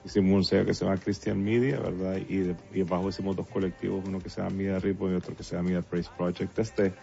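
A man from El Salvador speaks in a deep, gravelly voice. He is a guest in a relaxed interview and talks haltingly, with many fillers and restarts. The recording is dull and lo-fi, with faint music behind him. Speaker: guest songwriter and producer. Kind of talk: casual interview talk.

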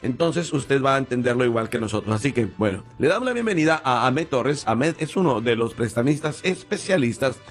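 A man's voice: mid-range voice, animated, fairly quick, hardly any pauses, faint music behind. A man hosting a talk show, chatting with a guest and asking friendly questions. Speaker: radio host.

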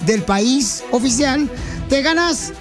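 High-voiced rowdy male radio host. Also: lively intonation, slow, loud music behind the voice. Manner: rowdy, teasing, heavy on slang. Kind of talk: joking radio banter with a caller. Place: radio studio.

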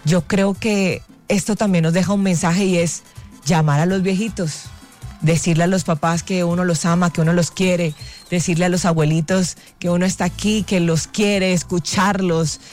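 A woman's voice: on the low side, fairly even intonation, moderate pace, darkish tone, soft background music. A woman with a Colombian Spanish accent co-hosting a radio chat, earnest and reflective. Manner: earnest, reflective, explains with facts. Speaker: radio co-host.

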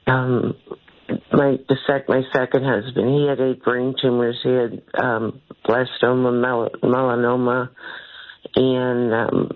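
A woman from St. Louis, calling in over a phone line, talking in a halting, rambling way that trails off mid-sentence. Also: a bass voice, flat delivery. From St. Louis, Missouri. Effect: heard over a phone line. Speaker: caller. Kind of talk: call-in radio talk.

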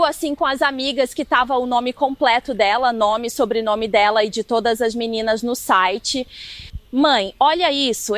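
AI-disguised voice of a woman, high-pitched. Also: a bit bright, dry recording. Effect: voice disguised by an AI voice changer. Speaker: mother of a student, interviewee. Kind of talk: interview clip in a news report.

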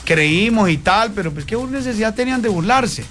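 A man's voice: sits high, moderate pace, soft background music. A man hosting a sports radio show, animatedly quizzing his co-hosts in casual debate. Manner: animated, quizzing co-hosts, reads sponsor promo.

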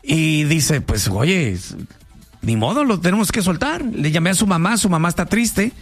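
A man hosting a call-in radio show. His voice sits a bit high, and he chats in a loose, slangy way. Faint music plays underneath. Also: sing-song, normal speed. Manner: chatty, slangy, friendly. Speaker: radio host. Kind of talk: casual call-in radio chat.

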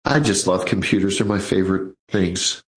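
Casting: older man, sixties, low voice, folksy live radio money-show host, roomy studio. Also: moderate pace. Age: 60s. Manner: chatty, folksy, addresses listeners as folks. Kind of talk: live financial radio talk.

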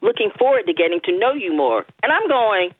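A woman's voice: mid-range voice, sing-song, brisk, breathy edge. A woman calling into a radio show over the phone, talking animatedly and close to the receiver. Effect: heard over a phone line. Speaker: radio call-in guest. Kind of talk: casual phone chat. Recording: tinny phone line.

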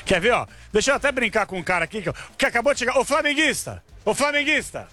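A man reports live for radio from a crowded city square, with a high, bright and forceful voice. He keeps it chatty and playful and cracks jokes with the hosts back in the studio. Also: fast talker, faint music behind. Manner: lively, jokey, chatty. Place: outdoors in a busy city square.

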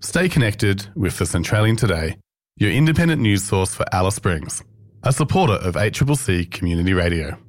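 A man's voice: deep voice, very animated, a little fast, dry recording. A man reading a scripted radio advertisement in an upbeat promo style. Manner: upbeat salesy promo delivery. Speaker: advertisement announcer. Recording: dry close studio voice.

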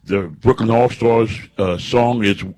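A gospel musician visiting a radio studio, emphatically promoting a concert and repeating "I'm telling you" to drive each point home. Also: male voice, on the low side, measured pace, darkish tone.

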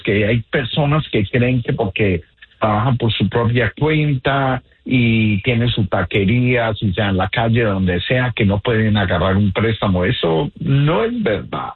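A man's voice: medium pitch, slightly rough. A man from Colombia, a real estate agent, explaining earnestly on a radio call-in show with many fillers. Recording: tinny phone line.

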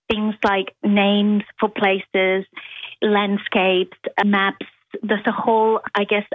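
Flat-voiced woman over a phone line. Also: medium pitch. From Argentina. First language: Spanish. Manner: slow, thoughtful, with many ums and restarts. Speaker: university lecturer, interview guest. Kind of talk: unscripted interview answers. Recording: tinny phone line, dry.

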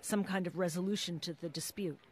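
A woman's voice: fairly low pitch, steady tone, fairly quick. A woman correspondent explaining economic news in a fluent, explanatory way. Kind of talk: live news analysis.

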